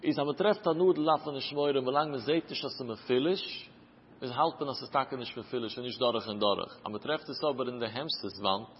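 A man's voice: mid-range voice, brisk, slight background noise. A man with a Yiddish-inflected accent giving a Talmud lesson in a rising and falling study chant. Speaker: Torah teacher. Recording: muffled, echoey lo-fi hall recording.

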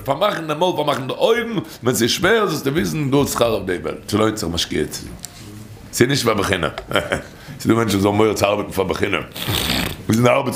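Gravelly man telling a rambling teaching story. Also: medium pitch, a bit bright, slight background noise. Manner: rambling, repeats phrases and restarts often.

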